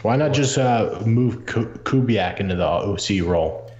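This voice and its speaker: A man with a very low voice talks sports as a podcast co-host. His delivery is casual and halting, with repeated words. The audio is dull and lo-fi. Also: animated, a little mellow. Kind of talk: casual sports betting chat and analysis.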